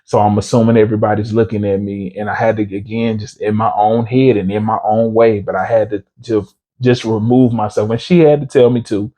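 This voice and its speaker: A man with a low, mellow voice delivers a motivational podcast monologue. He speaks earnestly and repeats himself for emphasis. He keeps his delivery fairly even and often turns to the listener with a casual check-in. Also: brisk. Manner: earnest, repetitive, conversational, often asks "you know what I'm saying?". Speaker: podcast host.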